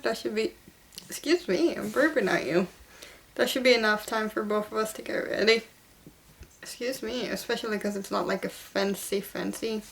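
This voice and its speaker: A woman's voice: fairly high pitch, vocal fry, fairly bright tone. A young woman vlogging casually at home, chatty and rambling, often correcting herself. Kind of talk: casual home vlog chat.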